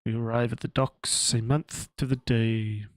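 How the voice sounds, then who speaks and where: A man's voice: mid-range voice, level tone, measured pace, dry recording. A man with an Australian accent streaming a video game, reading its story text aloud in a casual, self-mocking way.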